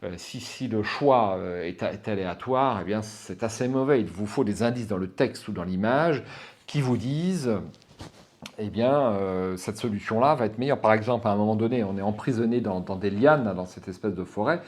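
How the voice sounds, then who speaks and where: A man's voice: lowish voice, moderate pace, a little mellow. A man hosting his channel, giving a casual spoken review with lots of fillers and restarts, frank and opinionated, muttering curses when he loses his thread. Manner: hesitant, many fillers and restarts, swears under breath when stuck. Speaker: channel host reviewing a gamebook.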